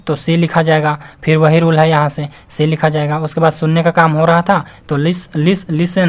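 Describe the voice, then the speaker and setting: A man teaching a grammar lesson. He asks himself questions, answers them, and repeats each point while calling the viewers friends. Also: a little high. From Jharkhand, India. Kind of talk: classroom-style grammar lesson.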